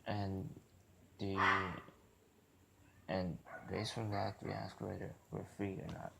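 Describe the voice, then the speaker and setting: A man delivering a casual, rambling philosophical monologue, halting and often repeating or interrupting himself. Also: sits low, flat delivery, gravelly. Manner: halting, repetitive, self-interrupting. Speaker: vlogger. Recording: noisy recording with clicks.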